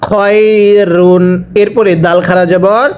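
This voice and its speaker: Slow, high-voiced male recitation teacher. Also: steady tone. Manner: spells letters and vowel marks, then repeats each word slowly for learners. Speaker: Quran reading teacher. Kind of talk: slow drilled recitation lesson.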